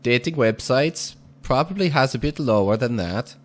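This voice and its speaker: In a put-on, overblown foreign accent, a man gives laid-back gameplay commentary as a gaming video host. His medium-pitched voice is animated, yet his pacing is measured and deliberate, with chuckles here and there.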